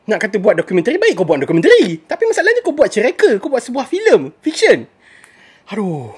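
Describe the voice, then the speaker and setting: Animated husky Malaysian woman ranting. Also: fairly high pitch, quick pace. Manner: exasperated, ranting, mixes in English phrases. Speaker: movie reviewer. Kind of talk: casual spoken movie review.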